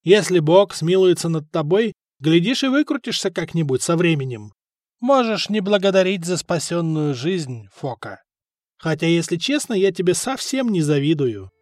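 A man's voice: on the high side, moderate pace, no echo, clean studio sound. A man doing a cool, mocking young man. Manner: calm, lightly mocking.

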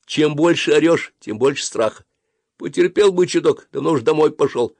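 A man's voice: on the high side, moderate pace, a little mellow, dry recording, voice pushed up. A man voicing a small, stern female dentist who speaks firmly and commands. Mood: coaxing firmly. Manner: firm, commanding, raised voice. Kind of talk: audiobook character reading.

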